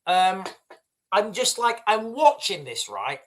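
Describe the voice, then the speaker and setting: Over video clips, a livestream host talks slowly in a high, sing-song, somewhat bright voice. His loose commentary rambles, addresses viewers as "guys," and is full of restarts and "right."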